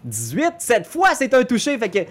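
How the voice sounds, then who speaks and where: Lively Quebec French game master. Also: medium pitch, normal speed, soft background music. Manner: playful, laughs often, sound effects. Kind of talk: narrating a tabletop game.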